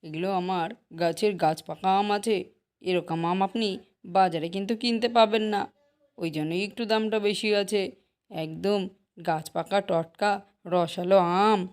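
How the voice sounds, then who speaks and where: Voicing a poor village mango seller for a Bengali cartoon, a woman uses pleading, persuasive sales talk as the character bargains to sell her fruit. She speaks in her natural voice, medium-pitched, a little mellow and clean-toned, at a moderate pace.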